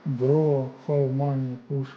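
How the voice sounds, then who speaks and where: A casual, friendly boxing coach in his forties with a Ukrainian accent talks to viewers on a live stream from a room at home, answering chat questions off the cuff. He has a mid-range voice with a flat delivery and takes things slowly. The lo-fi sound is roomy, with slight background noise.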